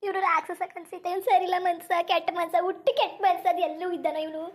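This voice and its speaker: A woman's voice: very high voice, little pitch movement, fast. A woman voicing a protective village mother in a cartoon, lamenting and urging. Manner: lamenting, urgent warnings. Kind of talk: cartoon voice acting.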